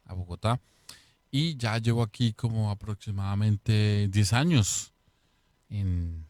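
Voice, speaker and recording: A man co-hosts a casual podcast chat, joking and poking fun at himself. His voice sits fairly low, and it is recorded dry and close to the mic. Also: darkish tone, no echo. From Colombia. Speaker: podcast co-host.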